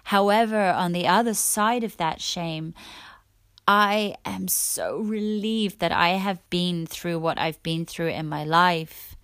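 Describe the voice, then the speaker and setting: A woman podcast host opens up about a personal story in a candid, reflective voice that sits a little low. The sound is dry and close, with no room around it. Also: slow pace, fairly bright tone, no room sound.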